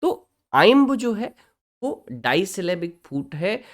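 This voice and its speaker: A teacher giving an online lecture who keeps stopping for short check-ins and reads out English terms slowly, syllable by syllable. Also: medium pitch, sing-song. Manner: checks in often with short confirming asides.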